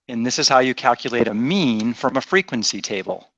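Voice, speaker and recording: Speaking a little fast and animatedly, a mid-range man with a fairly bright tone teaches math in a chatty, teasing style, reasoning out loud. He hails from Rhode Island, USA, his accent faint and mostly softened. The lecture audio has no echo but cuts off the highs.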